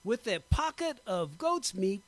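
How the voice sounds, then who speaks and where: A man giving a dramatic poetry recitation, slow and emphatic, drawing out his words. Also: big pitch swings, fairly bright tone. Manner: slow, emphatic, drawn-out delivery with big pitch swings. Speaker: poetry performer.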